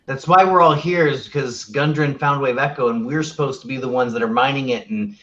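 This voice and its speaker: A man's voice: mid-range voice, brisk, a bit bright. A man playing a tabletop game, explaining plans in a matter-of-fact way. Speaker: player. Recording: muffled lo-fi call audio.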